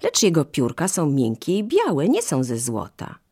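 A woman's voice: low voice, huge pitch swings, unhurried, dark tone, husky, dry recording, studio quality, full character voice. A woman voicing a poor, doubting mother who speaks in a skeptical but practical way. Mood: doubtful.

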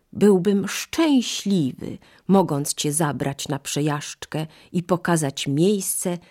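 A woman voicing a sly, scheming male crocodile who talks slowly and smugly. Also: low voice, darkish tone, slightly rough, heavily acted. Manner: slow, drawn-out, smug.

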